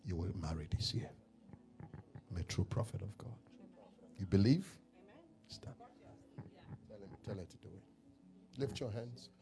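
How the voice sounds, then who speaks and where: Praying over people in church, this self-styled prophet and pastor from Ghana speaks with a Ghanaian accent in a fairly low, animated voice. His slow, drawn-out pronouncements keep rising into loud shouting.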